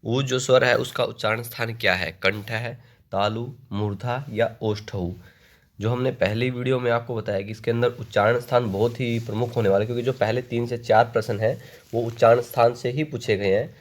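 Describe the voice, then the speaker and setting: A man teaching an online exam-prep lesson, reading out questions and reciting word forms in slow rhythmic lists. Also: medium pitch, fairly even intonation. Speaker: Sanskrit exam tutor.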